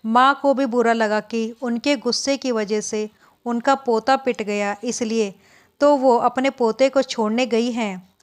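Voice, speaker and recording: A woman narrating a family story aloud, reading every character's lines in her own voice. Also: a little high.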